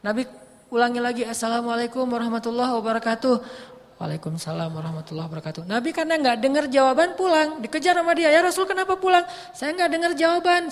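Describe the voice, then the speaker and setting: A male preacher with a lilt giving a casual evening sermon, playful and acting out little dialogues. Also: very high voice. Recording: long hall reverb.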